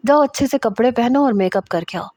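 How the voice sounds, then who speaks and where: A woman's voice: fairly high pitch, darkish tone, no echo, natural voice. A bossy older mother-in-law who scolds and insists on being obeyed, read out by a woman narrating. The voice sits close to the mic in a dry, dead space. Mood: scolding. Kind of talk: storybook reading.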